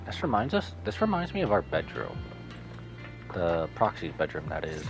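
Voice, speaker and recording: Over game music, a streamer with a low, creaky voice gives casual, slangy, exclamatory commentary as he plays through a game, sometimes reading text aloud. His pitch swings hugely while his pace stays moderate.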